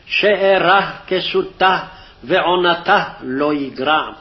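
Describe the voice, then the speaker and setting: On a dull, lo-fi archival recording, a scripture reader delivers Hebrew Bible text formally, one phrase at a time. His voice is a little high and his pace brisk.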